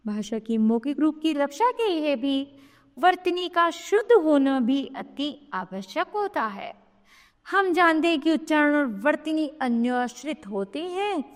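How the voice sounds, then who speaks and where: Slow high-voiced woman teacher, reverberant. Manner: slow, explanatory, checks in with "theek hai". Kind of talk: grammar lesson for children. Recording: long reverb.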